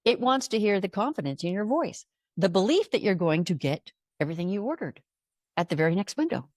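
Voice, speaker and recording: A woman's voice: medium pitch, sing-song, brisk, darkish tone, dry recording, clean studio sound. A woman hosting a motivational podcast as a life coach, speaking emphatically and repeating her key words.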